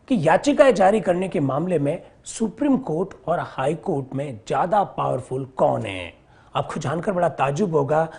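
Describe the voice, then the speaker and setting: A man teaching an exam-prep lecture, who repeats key terms slowly and asks and answers his own questions. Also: on the high side, creaky, warm tone, breathy edge.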